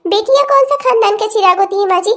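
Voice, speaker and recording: A woman voicing a resentful, sharp-tongued aunt in a cartoon comedy, talking back with sarcasm. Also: fast. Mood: sarcastic. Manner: shrill, sarcastic, complaining.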